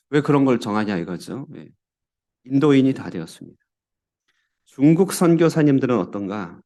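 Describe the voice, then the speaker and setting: A man's voice: mid-range voice, a little mellow. A Korean man, a pastor, delivering a sermon in church with earnest, rising emphasis on key words. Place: church sanctuary.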